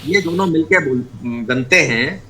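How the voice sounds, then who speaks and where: Bright-voiced man teaching pronunciation. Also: a little high, animated, measured pace. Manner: patient, explains step by step, repeats key terms. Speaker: Sanskrit teacher. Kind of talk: online class explanation. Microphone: video call.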